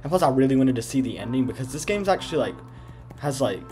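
A man's voice: mid-range voice, expressive, quick pace, warm tone. A man commentating as he plays a game, playful and teasing, often saying he is only joking. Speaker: gaming YouTuber. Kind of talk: let's play commentary. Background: game music.

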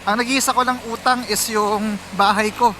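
With a high, a bit bright voice, fairly even intonation and a moderate pace, a Filipino man vlogs casually to viewers while riding his motorcycle on city roads outdoors, mixing in English. Slight background noise is present.

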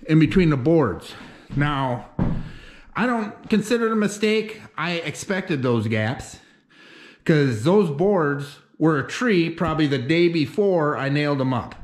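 Plainspoken homesteader man, slightly high voice. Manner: folksy, plainspoken, rambling with fillers. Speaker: homesteader vlogger. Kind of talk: casual walkthrough talk. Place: outdoors in snow, then inside an unfinished wooden barn loft. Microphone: handheld or head-mounted action camera.

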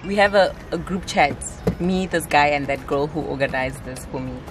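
Over music, a young woman in her twenties chats with viewers on her travel vlog, her deep voice moving at a normal speed. She's outdoors on a lake boat, holding the camera at arm's length and exclaiming to her audience in a lively, chatty way.

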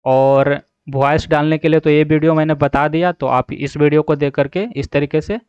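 A man narrates a step-by-step app tutorial in a voice on the high side, with a steady, darkish, clean tone at a moderate pace. As the tutorial host, he instructs and repeatedly checks in with the listener. The voice-over is dry with no echo and sounds slightly dull.

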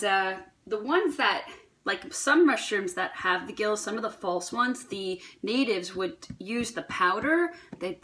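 Foraging and cooking mushrooms is the subject of this laid-back vlog, hosted by a holistic health vlogger from New Jersey. Her fairly low voice carries a fairly bright tone as she chats, jokes and wanders off topic with her viewers.

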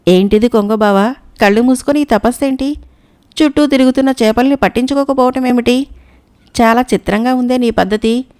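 A woman's voice: fairly high pitch, a little fast, a little mellow, lightly acted. A woman voicing a curious, wary crab that asks wondering questions.

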